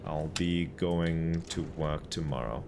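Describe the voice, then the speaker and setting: A man's voice: rumbling low, takes it slowly, creaky, background noise. A man streaming a game, chatting politely with viewers and thanking them, with a stuffy nose and a cough. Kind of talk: casual gaming commentary.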